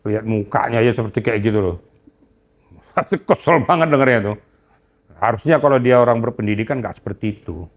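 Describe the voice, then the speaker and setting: A man's voice: mid-range voice, a little fast, long pauses. Indignant older man scolding hard. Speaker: retired police general, guest. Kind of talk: heated interview talk.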